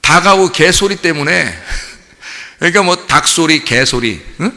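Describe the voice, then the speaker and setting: Middle-aged male pastor, bright high voice, sermon in a reverberant church hall. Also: a little slow. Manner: animated storytelling, mimics animal cries and laughs. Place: church sanctuary.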